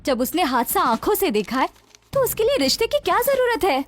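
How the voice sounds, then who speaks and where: A determined young woman pushes her case in a high, lively voice. She is insistent and confrontational. Soft film music plays behind. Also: fairly quick. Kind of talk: Hindi dubbed action film. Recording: film dub with background music.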